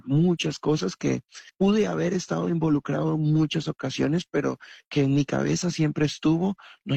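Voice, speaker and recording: Costa rican guy, ex footballer, really gravelly husky voice, dry close sound, earnest and reflective. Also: fairly high pitch, darkish tone, no echo. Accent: Costa Rican Spanish. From Costa Rica. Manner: earnest, reflective, with frequent fillers. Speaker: interviewee, former footballer. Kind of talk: interview answers.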